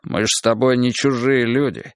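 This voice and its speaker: A man's voice: fairly even intonation, moderate pace, clear, resonant tone, no echo, studio quality, lightly acted. A man voicing a boisterous, well-off middle-aged man who pushes his help on an old friend, in an audiobook. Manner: hearty, pushy, higher and louder than the narration.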